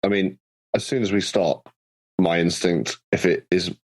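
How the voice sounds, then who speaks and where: A man's voice: sits low, fairly even intonation, unhurried. A man, a tabletop game player, laid-back and blunt with a joking edge. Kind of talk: tabletop role-play chat.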